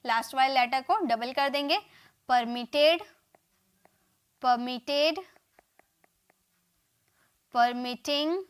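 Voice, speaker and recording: A young woman with a high voice and an Indian accent teaches English verb forms in a live online class. She calls out every word form and says it twice, and keeps asking her viewers to follow along and comment. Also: fairly even intonation, takes it slowly, pauses often, smooth. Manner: drills word forms aloud, repeats each word, urges viewers to comment and share.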